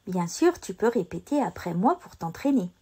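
A woman giving a scripted lesson on reading poetry aloud, explaining in a slow, careful, clearly articulated way. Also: medium pitch, sing-song, dark tone. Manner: slows further to recite verses for repetition. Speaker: teacher.

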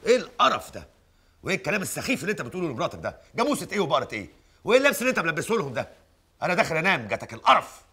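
An actor playing a boastful, grumpy older father and grandfather in a film comedy, talking loud and teasing. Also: sits low, sing-song, quick pace, slightly rough, full character voice. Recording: film soundtrack with music underneath.

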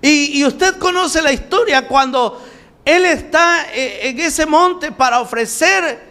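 A man's voice: very high-pitched, takes it slowly, sharp tone, soft background music. A male preacher retelling a Bible story in a sermon, asking the congregation questions and acting out the dialogue, with a Mexican Spanish accent. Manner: asks the congregation questions and repeats the answers; acts out the story's dialogue in quoted voices.

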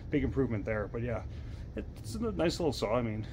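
A man's voice: medium pitch, animated, brisk. A man in his thirties, chatting casually to the camera outdoors in a fenced backyard, matter-of-fact and full of "uh" fillers, recorded on a camera mic a few steps away. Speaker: chainsaw vlogger. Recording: clear outdoor noise behind.

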